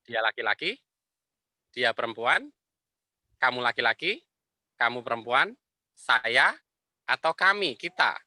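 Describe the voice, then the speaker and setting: A man teaching an Arabic class, explaining patiently and repeating phrases slowly. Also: medium pitch, lively intonation, bright, forceful tone, no room sound. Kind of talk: online class lecture.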